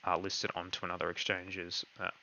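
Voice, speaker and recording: A man's voice: low-pitched, monotone, fairly quick, sharp tone, highs cut off, slight background noise. A man hosting a live online Q&A who is losing his voice and talks with many hesitations and fillers. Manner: hesitant, heavy on fillers and "kind of". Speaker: crypto project host answering community questions.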